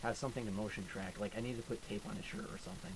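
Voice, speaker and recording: A man's voice: on the low side, sing-song, racing, gravelly, a crowd in the background, poor audio. A man commentating on his own comedy sketch, explaining how the effects were made in a matter-of-fact way. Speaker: sketch channel creator and editor. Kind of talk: commentary chat over own video.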